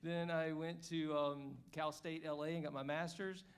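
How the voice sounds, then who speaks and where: A congressional candidate in his fifties from Georgia gives a chatty, joking forum speech at an indoor evening event, wandering into rambling asides. His voice is a little high and clean-toned, with a flat delivery at normal speed.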